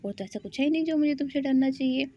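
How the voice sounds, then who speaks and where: A woman's voice: high voice, fast, warm tone, dull audio, close to an everyday voice. A woman voicing a teasing, affectionate young woman who talks sweetly and reassuringly.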